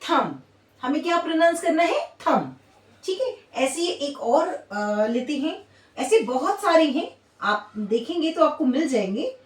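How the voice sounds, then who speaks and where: A woman with an Indian accent teaching English pronunciation in Hindi, stopping again and again to check the class is following. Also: high voice. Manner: repetitive, checks in with "theek hai". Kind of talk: classroom lesson. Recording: roomy echo from a distance.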